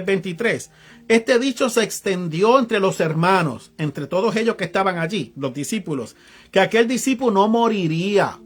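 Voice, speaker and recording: A man with a Puerto Rican accent, an evangelist preacher, reads Bible verses aloud during his sermon and explains them in casual local slang, stopping to greet online viewers. His voice sits high, a bit bright, with a breathy edge.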